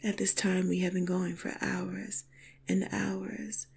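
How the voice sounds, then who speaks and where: A woman narrating an intimate first-person story in a slow, sultry, breathy half-whisper. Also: lowish voice, flat delivery, a little mellow, a little hiss or hum. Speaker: podcast storyteller.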